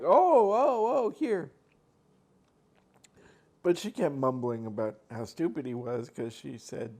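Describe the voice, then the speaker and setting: A man's voice: a little high, a little mellow. A man eating on camera and chatting at home, rambling with lots of fillers and restarts. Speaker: mukbang vlogger. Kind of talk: casual chat while eating. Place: home, at a desk by a laptop.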